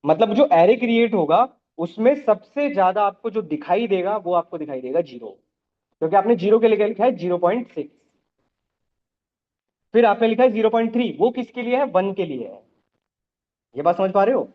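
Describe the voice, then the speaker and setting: High-voiced programming teacher, lo-fi. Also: male voice, lively intonation, normal speed. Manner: explains step by step, checks students understand. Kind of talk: live coding class.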